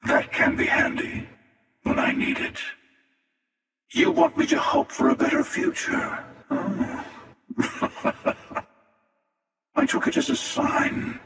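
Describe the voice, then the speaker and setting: An actor playing a menacing, sardonic armored hunter in a video game, with a raspy whisper-like voice through a helmet filter, taunting and wry. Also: male voice, extremely high pitch, takes it slowly, long pauses, a bit bright, exaggerated voice. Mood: wry, composed. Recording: echoing, distant, long reverberant processing.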